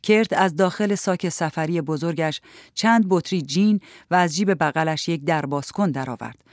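Measured reader of a literary story. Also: medium pitch, dry recording, studio quality. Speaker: audiobook narrator.

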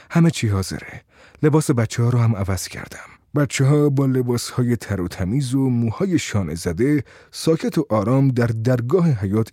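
A man narrating a short story as an audiobook, in a steady, measured reading voice. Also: mid-range voice, no room sound, clean studio sound.

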